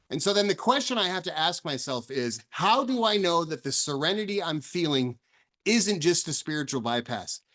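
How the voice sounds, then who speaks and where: A man's voice: a little high, a bit bright. A man giving a reflective solo talk on recovery, earnest and personal, often restarting and repeating words as he thinks aloud. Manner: personal and searching, asks questions aloud. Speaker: author and speaker on recovery.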